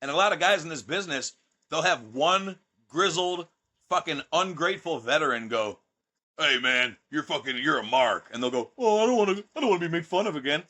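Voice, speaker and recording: A man's voice: a little high, animated, a little fast, sharp tone. A man in his thirties talking in a casual podcast chat, brash, profane and boastful. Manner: brash, profane and boastful, with mocking put-on voices. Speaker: guest, pro wrestler.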